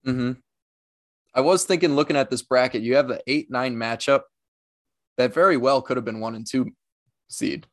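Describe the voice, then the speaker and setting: A man co-hosting a casual podcast, with a middling pitch and an easygoing, halting way of talking. He often restarts his sentences. The sound is dry and close, with almost no room echo. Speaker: podcast co-host.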